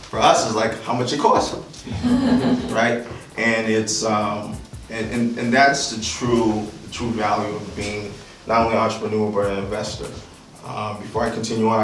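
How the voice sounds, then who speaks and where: Speaking to a seated audience in a house, this Liberian man in his thirties runs a casual real estate seminar, leaning on "um" and "right?" as he talks. His voice sits on the low side with a fairly bright tone. The sound is echoey, recorded by a camera far away.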